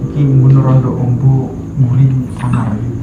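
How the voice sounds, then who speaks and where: A man's voice: medium pitch, flat delivery, moderate pace. A man with a Javanese Indonesian accent chatting casually as he vlogs an exploration of an abandoned place at night. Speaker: ghost-hunting vlogger. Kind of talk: casual exploration vlog chat. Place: abandoned old house and well at night. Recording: lo-fi, echoey, noisy with animal and ambient sounds.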